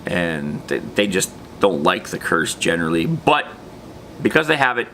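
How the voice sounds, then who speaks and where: A deep-voiced man, very animated and bright with a pushed delivery, speaks at a moderate pace. He hosts a tabletop gaming video series, giving an unscripted, slangy explainer that drifts into loose asides, with faint noise in the background.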